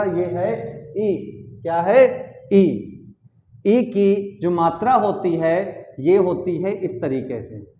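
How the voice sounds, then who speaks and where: A man teaching a children's language lesson, asking questions and repeating the answers in a patient, drilling manner. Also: high-pitched. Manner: repeats and quizzes the listener with questions. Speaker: Hindi teacher. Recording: echoey room, tinny phone-like sound.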